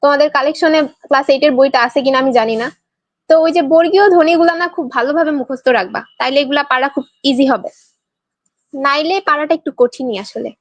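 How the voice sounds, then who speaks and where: A woman's voice: sits high, fast talker, no room sound, muffled recording. A young woman from Bangladesh teaching an online exam-prep class, quizzing students and reading their answers aloud with a playful, teasing manner.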